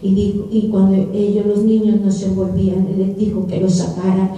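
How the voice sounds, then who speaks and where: A woman's voice: medium pitch, flat delivery, fairly quick, dark tone, a little hiss or hum. A woman giving testimony of a spiritual vision to a church congregation, retelling the dialogue earnestly in repeated phrases. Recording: very echoey hall, voice from far off.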